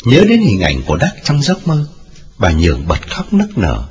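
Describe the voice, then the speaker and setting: A man's voice: wildly swooping pitch, moderate pace, a little mellow, lo-fi sound. A man narrating a ghost story in a dramatic storytelling manner. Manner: dramatic storytelling with wide swings in pitch. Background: music.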